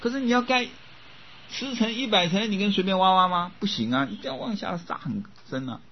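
An older man giving a Buddhist dharma talk as teacher, often coughing and clearing his throat, repeating words as he goes. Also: high-pitched, lively intonation, fairly quick, a little hiss or hum. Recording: dull lo-fi recording.

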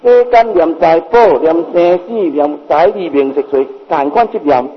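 An older man with a Hokkien-influenced Mandarin accent gives a Buddhist sermon as a master, his voice husky, unhurried and on the high side. He goes over points repeatedly and asks rhetorical questions, recorded in a reverberant hall with dull, lo-fi sound.

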